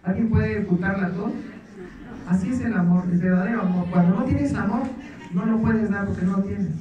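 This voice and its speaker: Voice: mid-range voice, moderate pace, distant mic, highs cut off, crowd noise. A pastor preaching and leading a prayer at a church service, exhorting the congregation in a repetitive prayer cadence. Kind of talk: sermon and led prayer. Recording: echoey church hall, off-mic, congregation audible.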